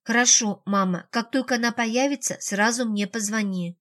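A frantic male doctor, tense and short-tempered, as a woman narrator reads him. He snaps out curt orders in loud bursts, his voice sitting a little high. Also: moderate pace, lightly acted. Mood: strained calm.

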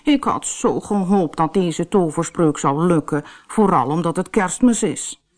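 A woman voicing a small, kindhearted female witch in a gentle, hopeful tone. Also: on the low side, expressive, measured pace. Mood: sighing.

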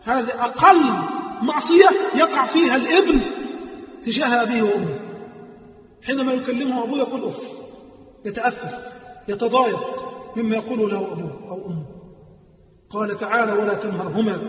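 A man preaching a sermon with passion, swinging between loud emphatic lines and low hushed ones. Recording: echoey hall heard from a distance, dull sound.

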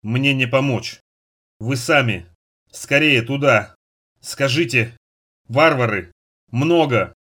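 A man reading an audiobook voices a dying wounded man who gasps out short, broken warnings slowly and loudly. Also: medium pitch. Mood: desperate. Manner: slow, broken, loud gasps of short words. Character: wounded older man, dying, gasping, urgent.

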